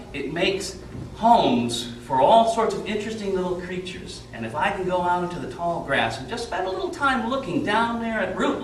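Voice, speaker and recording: A man telling a story live on stage to an audience, in a theatrical manner with drawn-out words. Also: sits high, fairly bright tone. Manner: theatrical, drawn-out words, asks listeners questions. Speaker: storyteller performing for children. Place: stage performance and classroom. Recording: distant mic, echoey hall, noisy.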